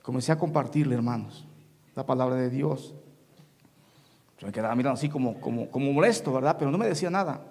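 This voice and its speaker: A woman's voice: extremely low pitch, fast, pauses often, darkish tone. A woman from Mexico, preaching a testimony sermon in a church, telling stories and calling the congregation "brothers" again and again. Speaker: guest preacher. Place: church sanctuary. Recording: reverberant church hall.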